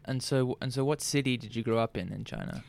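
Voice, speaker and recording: A man hosts a podcast interview in a clean, resonant voice pitched in the middle range. He introduces his guest and moves through his questions at an easy pace, with casual fillers. The delivery stays relaxed and conversational. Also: fairly quick, vocal fry. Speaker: podcast host.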